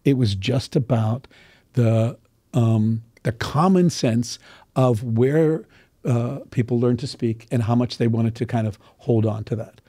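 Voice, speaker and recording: A man speaking as a dialect coach guest, explaining casually in a halting, thoughtful way. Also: medium pitch, mellow, no room sound, clean studio sound.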